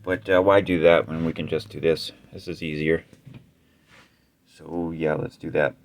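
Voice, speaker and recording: Low-voiced man explaining amp repair. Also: little pitch movement, a little slow. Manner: laid-back, explaining step by step with mild cursing. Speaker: amplifier repair host. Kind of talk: casual repair tutorial.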